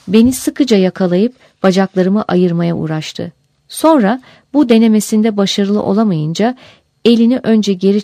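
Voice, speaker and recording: Female audiobook narrator, warm, first-person memoir, even measured read, dry booth. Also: mid-range voice, no echo.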